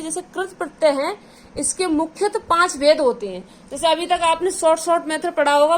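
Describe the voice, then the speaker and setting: A woman teaching a step-by-step exam-prep grammar lesson, repeating key points as she explains. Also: high voice.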